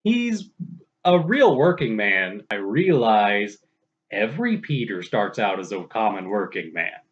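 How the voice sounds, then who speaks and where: Man, film review co-host, dry and wry, lively pitch, lo-fi muffled sound. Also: measured pace. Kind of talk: casual review chat. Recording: dull lo-fi recording.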